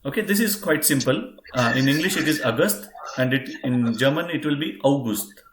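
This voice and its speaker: A man's voice: on the high side, expressive, brisk, fairly bright tone. Male teacher running an online class, patient, repeats and spells; roomy echo. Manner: patient, repeats and spells words out, addresses "friends". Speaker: German language teacher.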